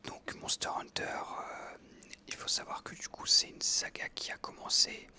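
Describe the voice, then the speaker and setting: A French ASMR creator in his twenties whispers relaxed stories over his gameplay. His voice is soft and unvoiced, full of pauses and filler words.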